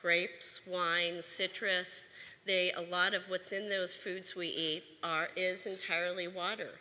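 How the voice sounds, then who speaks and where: Bright-voiced woman giving a policy speech. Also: on the low side, flat delivery, a little slow. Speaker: state agriculture official giving a talk. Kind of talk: prepared conference speech. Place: conference hall. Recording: reverberant hall sound.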